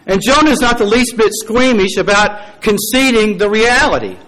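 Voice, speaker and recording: A man preaching a sermon, telling a story with dramatic pauses, acted quotes and wry, folksy asides. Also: high voice, big pitch swings, bright, forceful tone, rough recording.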